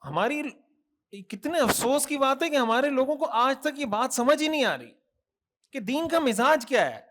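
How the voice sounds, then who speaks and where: A man delivering a sermon in a very high voice. He admonishes earnestly, asks rhetorical questions and stacks repeated phrases. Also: lively intonation, a bit bright. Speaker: mufti preacher. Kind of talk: Thursday night sermon.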